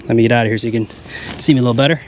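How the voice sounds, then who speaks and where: A man's voice: mid-range voice, fairly even intonation, racing, heavy background noise. A man in his thirties casually walking through a big camping tent, chatty and explaining as he points things out, speaking into a handheld mic. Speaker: camping vlogger giving a tent tour. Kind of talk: casual walkthrough. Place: inside a large tent at a wooded campground. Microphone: handheld mic in hand.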